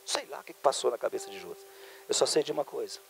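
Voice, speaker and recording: A male pastor preaching a sermon, moving from quiet storytelling to loud, high, fervent preaching. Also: animated, fast talker, vocal fry. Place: church conference hall.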